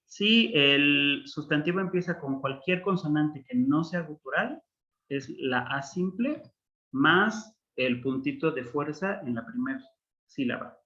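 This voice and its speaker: A man's voice: a little high, expressive, unhurried, pushed and bright, muffled recording. A man teaching a Hebrew class, patiently explaining grammar rules with examples. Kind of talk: online language class.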